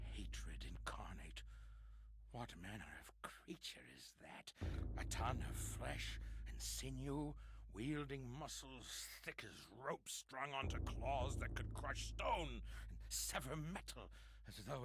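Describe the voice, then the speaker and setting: A raving, half-mad survivor. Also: male voice, medium pitch, background noise. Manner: lurches between hoarse whispers and manic shouts; theatrical, archaic turns of phrase. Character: deranged male survivor raving about monsters. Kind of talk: dramatic horror monologue.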